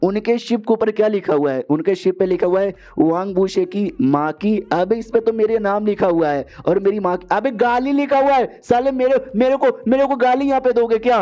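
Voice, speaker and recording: Man doing whiny vengeful young noble, shrill, high-pitched, dull lo-fi audio. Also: normal speed, few pauses, warm tone, lightly acted. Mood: outraged. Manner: whining, then shrill outbursts. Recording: dull lo-fi voiceover.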